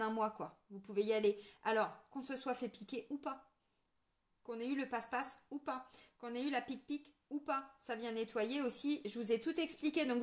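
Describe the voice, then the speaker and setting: A woman tarot card reader and energy healer, talking casually and earnestly to her viewers, full of fillers and tag words. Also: sits high.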